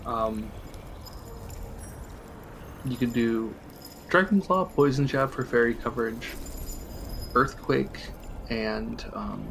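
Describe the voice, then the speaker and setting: A man with a gravelly, fry-edged voice talks through game strategy in a relaxed podcast chat. He explains at length and chuckles along the way. A faint hiss sits under the recording. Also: mid-range voice, slow pace, long pauses. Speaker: podcast co-host. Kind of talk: casual chat.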